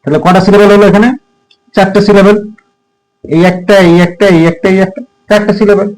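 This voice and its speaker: Guy with a high voice giving a lesson, patient, keeps repeating and quizzing you. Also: steady tone, fairly quick, darkish tone, poor audio. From Bengal. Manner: patient, repetitive, quizzing the listener. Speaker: English teacher. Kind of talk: lesson explaining syllables.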